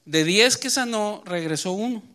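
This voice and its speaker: A man preaching a sermon in church, moving between quiet Bible reading and emphatic, rising points. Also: high voice, animated, moderate pace.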